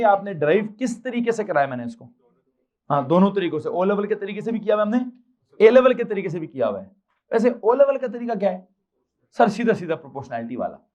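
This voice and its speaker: A man's voice: sits high, muffled recording. A male physics teacher with a Pakistani Urdu accent, lecturing a class and firing off questions he answers himself. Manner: quizzing, answers his own rapid questions.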